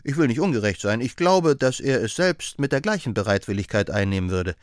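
A man's voice: medium pitch, big pitch swings, a little fast, no echo, clean studio sound, natural voice. A man reading an audiobook, voicing a chatty young male hospital assistant who gossips with amusement. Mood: gossipy. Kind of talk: audiobook character voice.

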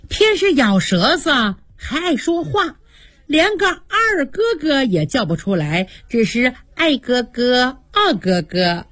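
A woman voicing a quick-tempered, sulky young noblewoman who speaks in a petulant, cutting way, in a radio storytelling. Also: a little high, a bit bright, slightly rough, dry recording, studio quality, exaggerated voice. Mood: teasing.

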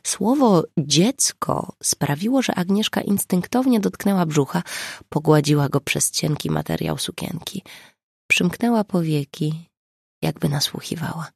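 Brief: audiobook narrator, measured delivery, dry close-miked sound. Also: mid-range voice, vocal fry, darkish tone, dry recording. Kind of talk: scripted narration.

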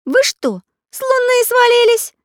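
A woman voicing a cheeky, excitable magic pencil artist in a children's audiobook, in a shrill, excited manner. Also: fairly quick, dry recording, clean studio sound. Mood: indignant.

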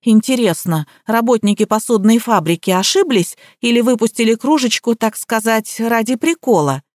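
A woman's voice: fairly high pitch, moderate pace, a little mellow, no room sound, clean studio sound. A woman narrating an audiobook in the first person with a wry, ironic manner.

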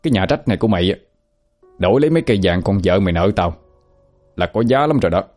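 A man's voice: low-pitched, animated, fast talker, a little mellow, soft background music. A man voicing a gloating loan shark. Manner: taunting, contemptuous. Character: swaggering male loan shark, cruel and gloating.

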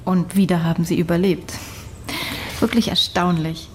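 A woman's voice: on the low side, fairly even intonation, normal speed, slight background noise, close to an everyday voice. A woman playing a curious, sceptical questioner in an audio drama, polite and inquisitive.

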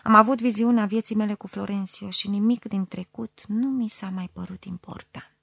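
A woman reading a novel aloud in the first person, measured and expressive, dropping at times to a whisper. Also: medium pitch, gravelly, husky, no echo. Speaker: audiobook reader. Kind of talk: first-person literary audiobook narration.

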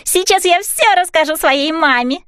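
A woman's voice: very high-pitched, moderate pace, fairly bright tone, no echo, studio quality, voice pushed up. A woman voicing a smug little girl neighbour in a children's storybook, boastful and mocking.

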